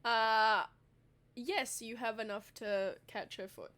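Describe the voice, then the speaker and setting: High-voiced woman running a tabletop game. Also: steady tone, takes it slowly, fairly bright tone. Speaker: game master. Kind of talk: improvised tabletop role-play.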